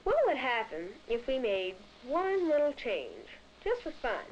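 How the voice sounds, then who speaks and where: A curious, teasing child acted by a woman chats playfully in a vintage educational film. The voice is fairly high and swoops with questions. The old soundtrack is dull, with faint noise. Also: wildly swooping pitch, unhurried, exaggerated voice. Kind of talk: scripted educational film dialogue.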